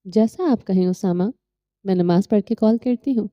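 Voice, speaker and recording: A woman voicing a gentle, innocent young woman on a phone call in an audio novel. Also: mid-range voice, no room sound, close to an everyday voice. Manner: soft, gentle.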